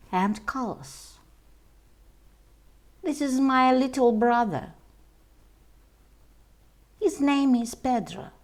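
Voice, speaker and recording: A woman reading a homework lesson aloud for young children, slowly and carefully, as their English teacher. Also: on the high side.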